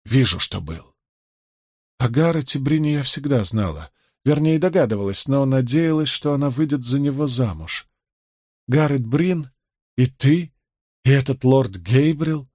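A man voicing a tipsy young noblewoman, proud and emotional, speaking a little higher with an indignant edge. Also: animated, unhurried, a little mellow, dry recording, studio quality. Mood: accusing.

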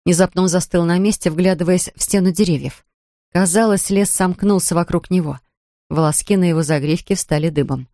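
An audiobook narrator reading a suspense novel in a measured, even way. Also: mid-range voice, dry recording, studio quality. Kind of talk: scripted narration of a thriller.

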